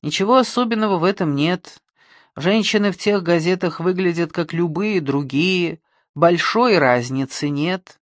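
A reader voicing a calm male police detective who questions softly and persistently in an audiobook. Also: mid-range voice, moderate pace, no echo, studio quality, natural voice. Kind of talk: audiobook reading.

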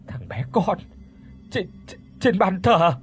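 A woman's voice: lowish voice, big pitch swings, slow, slightly rough, soft background music, pitched above the performer's own voice, exaggerated voice. A man voicing a frightened old village grandmother who stammers and trembles in panic. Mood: terrified.

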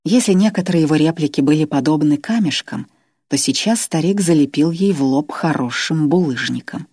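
Lady reading a novel aloud, low husky voice, steady, dry close sound. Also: a little fast, no echo. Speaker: audiobook narrator. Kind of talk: scripted narration.

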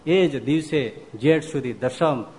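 A man, a monk giving a devotional storytelling sermon, animated and acting out the speech of the people in his story. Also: fairly high pitch, slow. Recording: long hall reverb.

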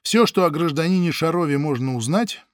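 A man narrating a novel in a vivid, storytelling manner. His slightly high voice swings widely in pitch. The recording is dry and close. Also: lively intonation, fairly quick, no room sound. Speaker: audiobook narrator. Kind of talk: scripted narration.

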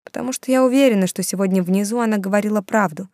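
A woman's voice: medium pitch, racing, a little mellow, no echo, studio quality, natural voice. A woman voicing a curious, thoughtful young wife in an audiobook.

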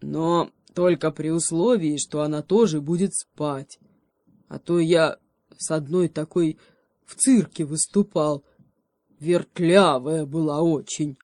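A woman's voice: deep voice, slow, a little mellow, no room sound, clean studio sound. Give me a growling, grumbling fairy-tale bear, put on by a woman narrator. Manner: growling, complaining. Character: gruff sleepy male bear, loud and grumbling.

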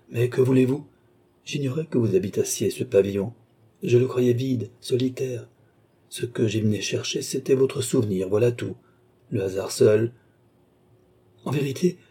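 A man's voice: mid-range voice, dark tone, husky. A man voicing a humble, lovesick young man in an audiobook, pleading and apologizing. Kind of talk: audiobook character voice.

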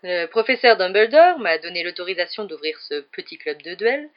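A reader voicing a flamboyant, boastful male wizard teacher with a loud, theatrical delivery, on a dull lo-fi recording. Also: high voice. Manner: showy, loud, theatrical announcing. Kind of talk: audiobook character voice.

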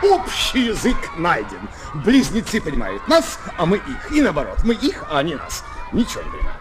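Exuberant, high-voiced, boastful Baron Munchausen. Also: male voice, moderate pace, a loud crowd, heavy background noise. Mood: pompous, puzzled. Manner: pompous, excitable, effusive. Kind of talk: theatrical children's audio play acting.

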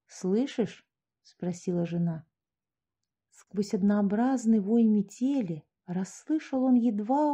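A woman reading a short story aloud in steady, even audiobook narration. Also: fairly high pitch.

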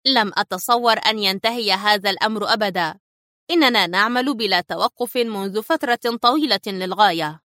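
A woman reading a storybook who voices a calm, level-headed male agent explaining things in a measured way. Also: mid-range voice, no room sound, studio quality, close to an everyday voice.

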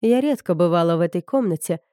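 Mellow-voiced woman reading a novel. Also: fairly low pitch, animated, quick pace, no echo, clean studio sound. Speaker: audiobook narrator. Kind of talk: scripted narration.

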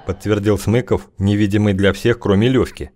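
A man narrating an audiobook in a low voice, measured and wry. He reads steadily and evenly, in a plain storytelling manner. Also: fairly even intonation, darkish tone. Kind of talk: scripted narration.

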